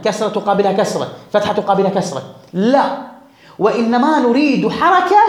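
A man teaching a classroom grammar lesson, drawing out and repeating words for his students. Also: high-pitched. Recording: echoey room.

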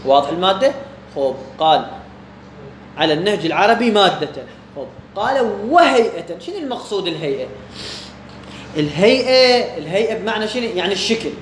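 His high voice swings widely in pitch as he moves briskly through a jurisprudence text for students. The man has an Iraqi Arabic accent and answers his own questions, and the echoey room carries a faint background hum.

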